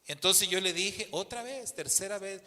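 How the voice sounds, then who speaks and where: In a church hall with long reverb, a pastor with a Mexican accent tells a story during his sermon, animatedly acting out the people in it. His voice is high-pitched and his pace moderate.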